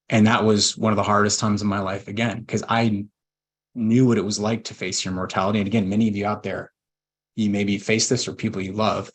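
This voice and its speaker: A man in his forties, an estate planning attorney, telling a heartfelt personal story in a webinar with earnest pauses and restarts. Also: on the low side. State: emotional at times.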